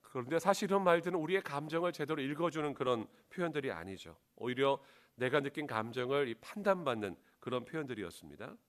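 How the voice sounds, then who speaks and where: A man's voice: medium pitch, lively intonation, quick pace, hardly any pauses. A man preaching a sermon as a pastor, engaging the congregation with questions.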